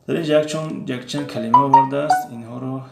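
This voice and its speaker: A man explaining a language lesson slowly, repeating drill words aloud one by one. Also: mid-range voice, fairly even intonation, vocal fry, echoey room, over loud music. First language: Tajik. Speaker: language teacher.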